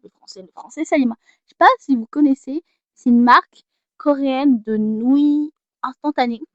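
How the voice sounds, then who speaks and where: Showing off her gifts in a casual haul vlog, a teenage girl speaks at a normal pace in a high-pitched voice, self-deprecating and easily distracted. There's no echo, but the high frequencies are cut off.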